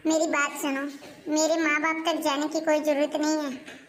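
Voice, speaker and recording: A woman's voice: high-pitched, level tone, normal speed. A woman playing a defiant younger daughter-in-law in a family skit, talking back. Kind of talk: scripted family skit acting.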